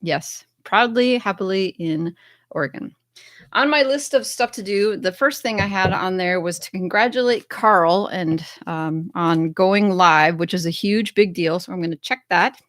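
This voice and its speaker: An American woman hosts a casual livestream in a lower-sitting, fairly bright voice, speaking a little slowly. She's chatty, upbeat and loose, reading viewer comments aloud. The sound is dry and close, with no echo or room around it.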